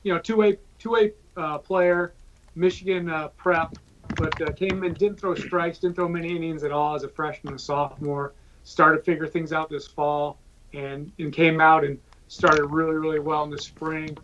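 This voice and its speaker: A man giving a scouting analysis on a live panel, thinking aloud with fillers and trailing off quietly. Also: fairly high pitch, little pitch movement, normal speed, muffled recording, a little hiss or hum.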